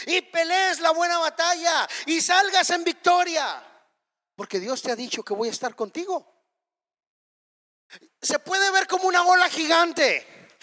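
A man preaches with a strikingly high voice, delivering his sermon slowly and deliberately. He hammers his points home with repeated rhetorical questions. His voice rings out with a long reverb, as if in a hall. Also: sharp tone. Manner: impassioned, rhetorical questions, emphatic repetition.

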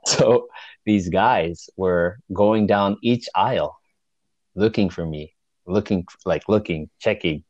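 A man casually recounting a story as a guest, with halting restarts and frequent chuckles. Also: deep voice, darkish tone, no echo. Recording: dull lo-fi dry recording.

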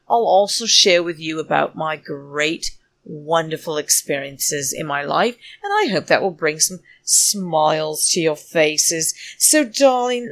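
A woman hosting a solo podcast in a chatty, theatrical way, addressing her listeners as darlings and rambling into asides. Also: low voice. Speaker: podcast host.

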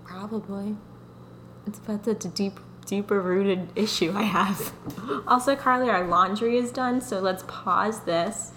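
A young woman co-hosting a podcast, telling a dating story in a casual, animated way, often laughing and mocking herself. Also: mid-range voice, slow, slight background noise. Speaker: podcast co-host.

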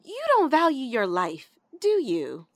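A woman's voice: a little high, huge pitch swings, unhurried, no echo, clean studio sound, heavily acted. A woman playing a brash sarcastic roommate. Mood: mocking. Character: loud sassy woman roommate, mocking.

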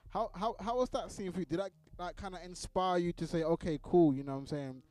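A man's voice: high voice, brisk, darkish tone, no echo. A man hosting a radio show in casual, slangy chat, often repeating his phrases. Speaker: radio host.

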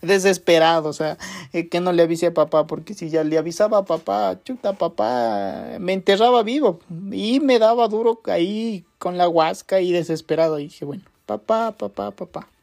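A man telling a personal anecdote in a casual, rambling way, repeating phrases and leaning on fillers. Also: high voice. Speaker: storyteller.

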